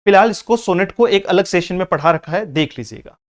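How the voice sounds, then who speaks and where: A man's voice: high voice, expressive, brisk. A male teacher giving an exam-prep lecture, repeating key points and asking the class questions as he explains. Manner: mixes English terms into his explanations.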